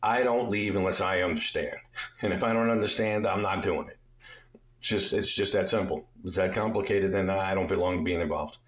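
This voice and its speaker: A man's voice: sits low, fairly quick, roomy sound. A man talking as a guest on a podcast, plainspoken and easygoing, who laughs easily. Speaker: guest real estate investor. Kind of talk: casual interview chat.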